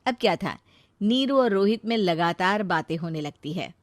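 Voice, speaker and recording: A woman's voice: medium pitch, lively intonation, moderate pace, no echo, studio quality. A woman storyteller narrating a dramatised family story.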